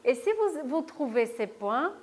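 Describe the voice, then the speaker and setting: Her voice sits high and swings widely in pitch, and she never hurries. She is giving a live stress workshop in a lecture room, showing the audience a tapping technique step by step while repeatedly checking "d'accord?".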